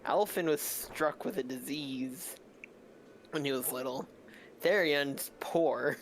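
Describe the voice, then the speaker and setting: A man's voice: medium pitch, takes it slowly, a little hiss or hum. A young man chatting while playing a story game with friends, reading characters' lines in playful folksy voices. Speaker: co-player. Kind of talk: casual game chat with friends.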